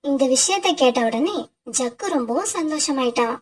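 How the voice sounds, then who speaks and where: A woman narrating a children's cartoon story in a steady, explanatory way. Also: sits high, moderate pace.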